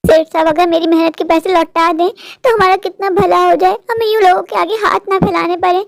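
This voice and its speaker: A woman's voice: very high-pitched, steady tone, fairly quick, gravelly, dry recording, clean studio sound. A woman voicing a poor, desperate young mother in a cartoon, talking in a pleading, worn-out way. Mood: lamenting. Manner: pleading, plaintive. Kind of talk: cartoon voice-over.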